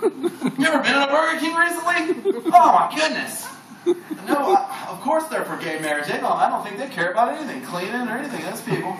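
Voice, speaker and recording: Man, stand-up comedian, high lively voice, chuckles as he talks, echoey lounge, heard from a distance. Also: brisk. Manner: animated, laughs through his own lines. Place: bar lounge. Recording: echoey room from far off, noisy crowd.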